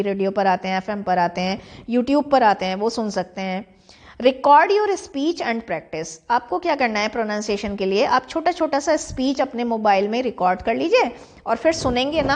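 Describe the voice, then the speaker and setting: Young woman tutor, exam-prep lecture, slightly high voice, repeats key terms. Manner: explains terms slowly, repeating key words and asking then answering her own questions. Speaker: teacher.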